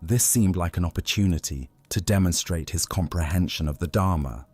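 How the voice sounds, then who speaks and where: A man calmly narrating Buddhist teachings and stories as a soothing, scripted sleep narration. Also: low voice, slightly rough, dry recording, faint music behind. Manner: calm, measured, soothing.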